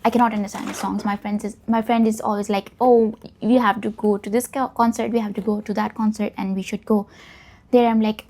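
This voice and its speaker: A young adult woman vlogger whose first language is Urdu chats in a casual get-to-know-me video, musing, rambling and poking fun at herself. Her mid-range voice is mellow and level, her pace brisk, with slight background noise.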